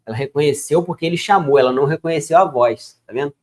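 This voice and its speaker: A man with a fairly high voice reads scripture aloud. He keeps stopping to add casual, conversational remarks before going back to the text. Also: quick pace. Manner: reads verses then comments in relaxed chatty asides. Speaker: bible reader. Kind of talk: casual bible reading with commentary.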